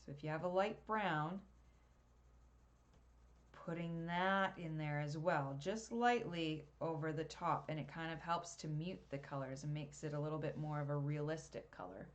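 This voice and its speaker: A woman with a fairly low voice talks through a live drawing lesson, explaining each step as she works. She is chatty and laughs at her own slips. She is picked up by a webcam mic. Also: moderate pace. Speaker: art teacher.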